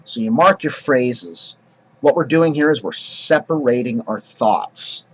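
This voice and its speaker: A man's voice: mid-range voice, expressive, a little slow, rough recording. A drama teacher explaining how to speak verse, casual and explanatory, often restarting his sentences. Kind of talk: acting lesson.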